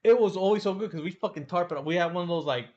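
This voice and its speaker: A man with a slightly high voice rambles through a story in loose, casual chat. He swears a lot. His audio sounds dull and muffled, like a cheap stream mic. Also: very fast, a little mellow. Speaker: co-host.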